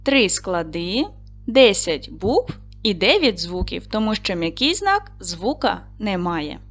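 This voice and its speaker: A woman's voice: mid-range voice, very animated, slow pace, a bit bright. A woman teacher giving a recorded lesson to second graders, patient and encouraging as she praises and guides the children. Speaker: primary school teacher.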